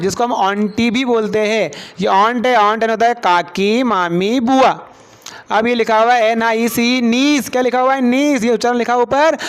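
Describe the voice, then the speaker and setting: Male teacher, high and clear, drills vocabulary with question-and-answer repetition. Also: fairly bright tone. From India. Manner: repeats words and asks the class questions. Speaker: English teacher. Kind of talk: classroom lesson explaining vocabulary.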